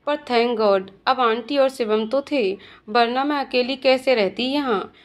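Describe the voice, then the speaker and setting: A woman's voice: a little high, slow pace. A young woman narrating an emotional first-person story expressively, giving voice to each character herself. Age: young adult. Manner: expressive, playing every role herself.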